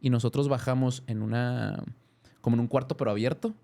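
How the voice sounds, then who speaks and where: His voice is mid-range, brisk, and gravelly: a Mexican-accented man in his thirties guesting on a casual interview. He recounts a story with energy, full of restarts and self-corrections.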